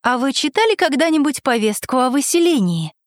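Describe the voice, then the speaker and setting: A woman reading aloud, voicing a brisk landlady who impatiently demands her rent. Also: high-pitched, sing-song, dry recording, clean studio sound. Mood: demanding.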